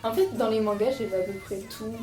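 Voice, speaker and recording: A young woman who vlogs about manga talks through her purchases in a fairly quick voice on the high side. She's hesitant, with many fillers and restarts, and the room is echoey with music playing behind.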